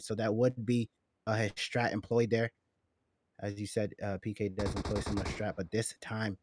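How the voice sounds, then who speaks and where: A man's voice: mid-range voice, a little mellow, no echo. A man casting a tournament as a host, doing play-by-play commentary with laid-back banter between calls. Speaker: esports caster.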